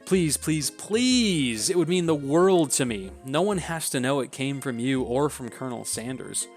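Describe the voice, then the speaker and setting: A man's voice: mid-range voice, moderate pace, vocal fry, soft background music, close to an everyday voice. A man voicing an eager, nosy young woman who pleads and gushes. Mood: pleading. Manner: pleading, gushing.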